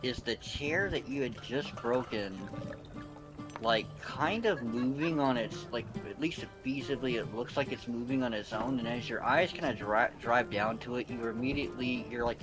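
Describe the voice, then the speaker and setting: A man's voice: mid-range voice, poor audio. A man narrating a tabletop game as game master, rambling with many fillers. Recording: clear background ambience.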